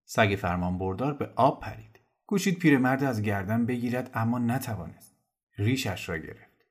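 A man narrating a novel in a calm, measured storytelling voice. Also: medium pitch, husky.

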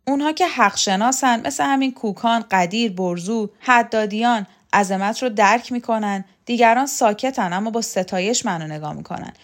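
Brief: bossy, furious woman figure, raised pitch, loud and cutting, storybook reading, voiced by a woman narrator. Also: hardly any pauses, lightly acted. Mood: scornful, furious. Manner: loud, sharp, taunting. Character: domineering, scornful, threatening middle-aged woman. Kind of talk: audiobook character voice.

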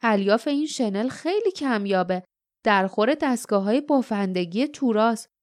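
A woman's voice: on the high side, expressive, darkish tone, dry recording, clean studio sound, lightly acted. Woman voicing a proud, grave old village woman. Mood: serious. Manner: serious, grave.

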